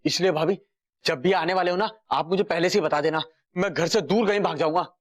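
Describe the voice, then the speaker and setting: A man's voice: on the high side, fairly quick, natural voice. An actor playing a timid young man who is terrified of teachers, stammering and pleading in panic. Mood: panicky. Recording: sitcom audio with loud background music.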